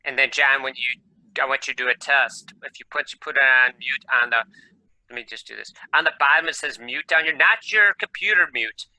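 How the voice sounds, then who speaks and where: Over a video call, a man teaches an electronics class, speaking casually and thinking aloud while he works through his screen share. His mid-range voice is brisk, bright and forceful. The recording is dry and of low quality.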